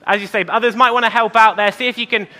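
A man's voice: high-pitched, steady tone, quick pace, sharp tone. A man preaching an interactive children's talk in church, speaking directly to the children in an encouraging, questioning manner.

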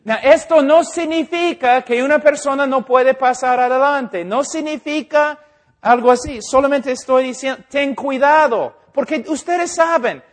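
A man's voice: very high voice, measured pace. A man, an English speaker, preaches informally in Spanish, correcting himself and checking that listeners follow. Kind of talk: informal teaching sermon.

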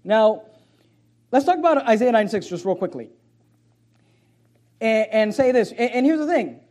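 A man preaching a sermon as pastor, emphatic and at times sarcastic, with quick swings in volume. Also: high voice, very animated, darkish tone.

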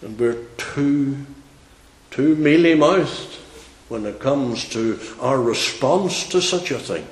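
A man preaches slowly and deliberately, his voice swelling into fiery, emphatic outbursts. He sits at a middle pitch, and the church room around him gives off a clear echo. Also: expressive. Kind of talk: sermon.

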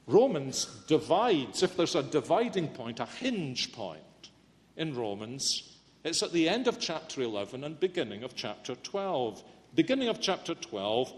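Slow-speaking male preacher in a hall. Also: mid-range voice, a bit bright. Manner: earnest, emphatic, rhetorical questions. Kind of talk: sermon. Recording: long reverb in a hall.

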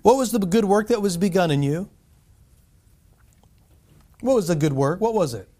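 A man's voice: high-pitched, lively intonation, normal speed, dark tone. Chuckling conversational male preacher. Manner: conversational preaching, frequent "right?" asides and chuckles. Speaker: pastor. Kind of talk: sermon.

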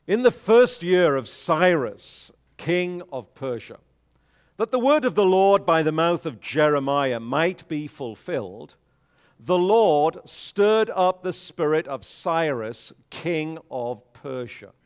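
A man pastoring an evening service, reading scripture slowly and with measured emphasis at a pulpit microphone, then giving notices with many fillers. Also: on the high side, animated, smooth. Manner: frequent fillers when speaking freely. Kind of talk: scripture reading and sermon announcements.

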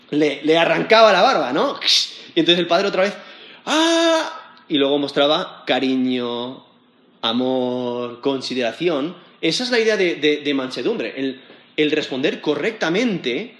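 A man delivers an earnest sermon, often repeating words and restarting phrases. His voice sits a little high for a man, and the room gives it a noticeable echo. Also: animated, moderate pace. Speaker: preacher.

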